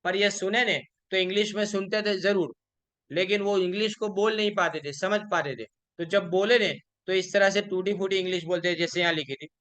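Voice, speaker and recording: A man teaching an exam revision lecture, asking questions and answering them himself, and reading English examples slowly. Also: high voice, fairly even intonation, a bit bright. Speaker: college lecturer.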